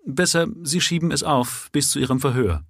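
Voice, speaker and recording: A man's voice: mid-range voice, normal speed, slightly rough, dry recording, studio quality, voice pushed up. A man reading aloud, voicing a pale, mechanical police inspector who speaks formally. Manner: formal, official.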